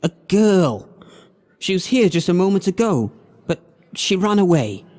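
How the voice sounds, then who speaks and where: A man's voice: high voice, big pitch swings, a little slow, darkish tone. A man playing a lovestruck, easily flustered young prince in a theatrical audio pantomime. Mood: determined.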